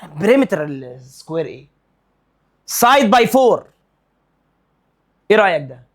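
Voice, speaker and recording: A man with an Egyptian Arabic accent teaching a lively physics lesson, quizzing and teasing his students and mixing English terms into his speech. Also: high voice, moderate pace.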